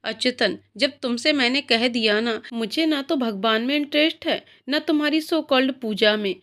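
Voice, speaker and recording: A woman's voice: a little high, moderate pace, a bit bright, close to an everyday voice. Woman reading a curt, hot-tempered young husband. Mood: angry. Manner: curt and scolding.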